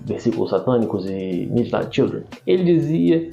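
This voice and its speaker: Brazilian male online tutor, mellow and creaky, slight tongue-tie, didactic informal delivery over music. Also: mid-range voice, big pitch swings, moderate pace. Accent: Brazilian Portuguese. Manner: didactic, enumerating points. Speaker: YouTube writing tutor. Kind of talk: informal explanatory video lesson. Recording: dull lo-fi sound, music behind. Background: background music.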